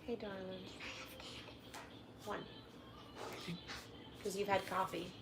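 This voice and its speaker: Gravelly-voiced teasing wife on a livestream. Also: female voice, medium pitch, flat delivery, slow pace. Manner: teasing, laughs often. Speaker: co-host, wife. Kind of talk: casual livestream chat.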